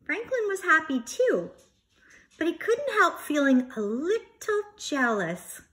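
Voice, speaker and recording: Using a high voice and a slow pace, a woman reads a picture book to young children in the expressive, instructive manner of a teacher. She poses questions and repeats key words as she goes.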